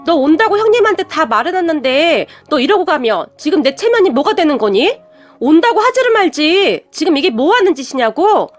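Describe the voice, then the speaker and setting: A woman's voice: very high-pitched, big pitch swings, fairly quick, faint music behind. A woman playing a whiny, vain middle-aged mother. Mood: shrill. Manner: whining and petulant.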